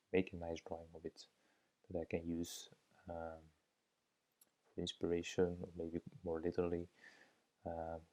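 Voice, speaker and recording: In a low, mellow voice, a young Belgian man whose first language is Dutch narrates his own drawing as a drawing teacher. His commentary is thoughtful but halting, with plenty of filler words.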